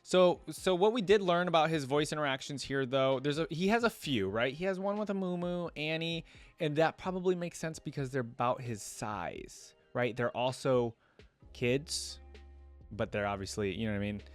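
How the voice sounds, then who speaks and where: Soft background music plays behind a man with a slightly high, animated voice speaking at normal speed. Acting as a video host, he gives rambling, casual reaction commentary, frequently checking in with the listener through "right?" and "you know."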